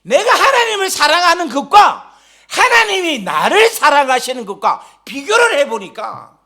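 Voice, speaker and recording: Animated preacher man. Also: very high-pitched, normal speed. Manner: animated storytelling, banters with the congregation, voice rises to shouts when stirred. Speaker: guest pastor. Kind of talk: sermon. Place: church sanctuary during a live service.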